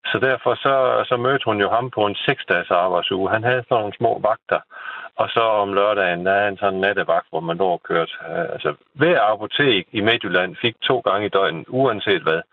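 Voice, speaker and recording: This caller is a middle-aged man with a lowish voice, rambling casually over the phone with repeated words and tag questions. The telephone line sounds tinny, though there's no echo.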